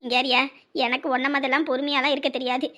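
A woman's voice: high-pitched, level tone, sharp tone. An actress playing an older mother-in-law who gives blunt, heartfelt advice to the family. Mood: tender. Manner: slow, heartfelt, earnest advice. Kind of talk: family drama acting.

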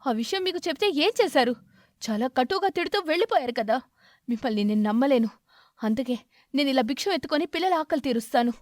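A woman's voice: high voice, moderate pace, a little mellow, dry recording, clean studio sound, lightly acted. A woman voicing a poor, devoted mother sparrow who speaks earnestly and pleads.

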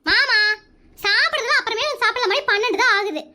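Woman nagging her husband, super high bright voice. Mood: suspicious. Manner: nagging, suspicious, quick-witted. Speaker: comedy creator playing the wife. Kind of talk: comedy skit acting.

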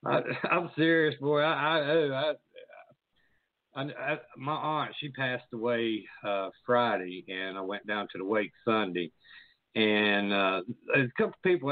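A man's voice: mid-range voice, no echo. A man hosting a casual interview podcast, swearing freely and stumbling through restarts. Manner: profane, rambling, stumbling restarts. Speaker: podcast host. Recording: tinny phone-like dry sound.

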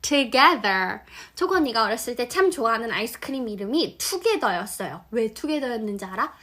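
A woman's voice: a little high, sing-song, moderate pace, a bit bright. A woman teaching English words to children in a playful, sing-song way, acting out little scenes. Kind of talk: children's vocabulary lesson. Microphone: phone filming vertical video.

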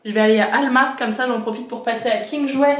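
A young adult lifestyle vlogger chats casually to the camera, rambling and thinking aloud to her viewers as she moves between her home living room, a car and a furniture store. Her voice is fairly high with a steady tone, and she talks fast.

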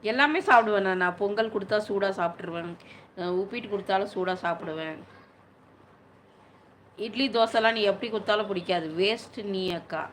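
A woman's voice: mid-range voice, brisk, pauses often, slight background noise. A woman chatting casually on a live stream, answering viewers' questions at length.

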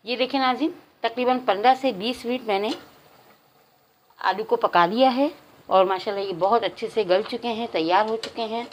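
A woman hosting a cooking channel, giving calm step-by-step recipe instructions to her viewers in a home kitchen. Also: on the high side, moderate pace, poor audio.

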